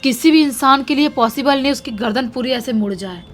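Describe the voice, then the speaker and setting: A woman's voice: high-pitched, fairly quick, faint music behind. Woman telling a horror story casually. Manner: conversational, repeats for emphasis.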